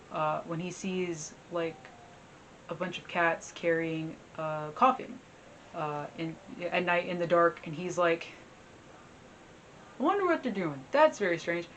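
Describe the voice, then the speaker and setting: A woman hosting a casual storytelling vlog about folklore, her voice sitting on the low side. She rambles and fills her talk with "uh" and "like," while a faint background hiss runs under it. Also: low-quality recording. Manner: rambling, filler-heavy, chatty. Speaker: folklore video host.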